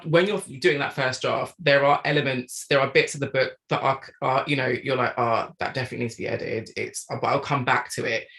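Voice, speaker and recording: A woman's voice: very deep voice, a bit bright. A middle-aged woman, an author chatting reflectively as a guest on a live stream.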